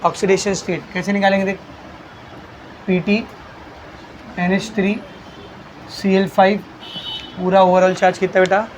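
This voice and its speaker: High-voiced man teaching chemistry. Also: slight background noise. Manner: quizzes students, answers his own questions; calls students beta, coaxing. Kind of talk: classroom lecture.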